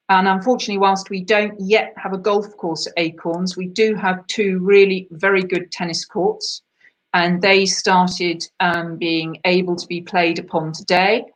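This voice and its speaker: A woman hosting an online quiz over a video call, reading out the answers in a chatty, self-deprecating way and laughing at herself. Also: medium pitch. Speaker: quiz host.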